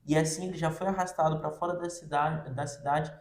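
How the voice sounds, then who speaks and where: This man co-hosts a Bible reading podcast and explains the text briskly, in a casual style full of fillers like "né" and "tipo assim." His voice is a little high with fairly even intonation, and the roomy recording carries a little hiss or hum.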